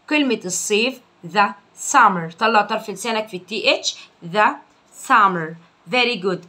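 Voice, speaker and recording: A young woman with an Egyptian Arabic accent teaching English vocabulary to children, saying each word slowly and loudly after explaining it. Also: medium pitch.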